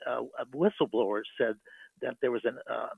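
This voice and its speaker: A man calling in to a radio show over a phone line, talking in a rambling, halting way with many fillers. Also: mid-range voice, vocal fry, breathy edge, no echo. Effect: phone-line caller on a radio show. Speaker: caller. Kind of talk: rambling call-in commentary.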